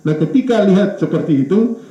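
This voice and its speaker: A man preaching in a church hall, his fairly high, warm, mellow voice swinging up and down to stress his points. He often stops on fillers and restarts his words. The sound is roomy and echoey, and a little dull, like a lo-fi recording. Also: brisk. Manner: hesitant, with fillers and self-corrections; lively rise and fall in pitch for emphasis. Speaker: pastor. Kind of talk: sermon.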